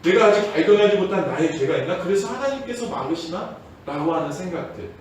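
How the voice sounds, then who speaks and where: Male pastor, sermon, high lively voice, storytelling, echoey church hall, distant mic. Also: fast, slight background noise. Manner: lively storytelling, acting out shouted prayers. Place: church sanctuary.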